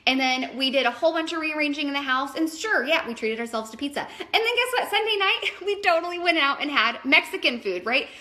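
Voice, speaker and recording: A woman's voice: sits high, animated, a little fast, few pauses, bright, forceful tone. A woman in her thirties, a wellness coach, chatting casually and rambling with lots of fillers in a live video from home. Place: at home, indoors.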